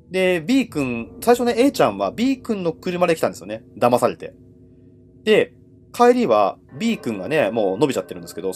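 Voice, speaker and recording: A man telling ghost stories as a livestream host in casual, conversational speech, with dramatic pauses and phrase endings that trail off. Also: medium pitch, a little mellow, a little hiss or hum. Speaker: horror storyteller and host.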